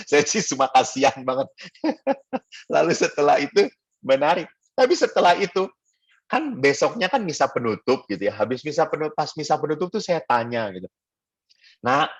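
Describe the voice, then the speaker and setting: Husky middle-aged priest, lively storyteller. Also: male voice, fairly high pitch, moderate pace, dull audio. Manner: animated storyteller who acts out voices. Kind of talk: casual spiritual talk to a youth group.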